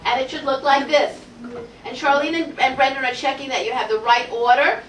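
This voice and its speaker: High-voiced woman teaching a classroom lesson. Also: a little fast, slight background noise. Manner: energetic, coaxing, asks the class many questions. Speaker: Hebrew teacher. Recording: roomy classroom audio from far off.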